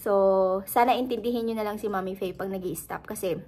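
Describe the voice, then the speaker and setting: A woman's voice: mid-range voice, fairly even intonation, brisk, warm tone. A woman from the Philippines chatting casually to her viewers in a vlog, laughing often and mixing English words into her talk. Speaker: vlogger.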